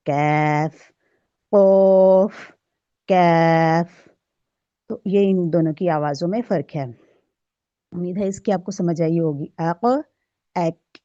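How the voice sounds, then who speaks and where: Woman teacher going over letter sounds slow and careful, dull lo-fi sound, dry. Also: lowish voice, warm tone, no room sound. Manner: demonstrates letter sounds slowly, often checks understanding. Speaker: Quran recitation teacher. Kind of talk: recorded tajweed lesson.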